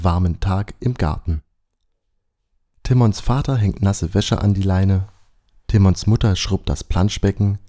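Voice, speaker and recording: A man calmly narrating a scripted children's bedtime-style story. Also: sits low.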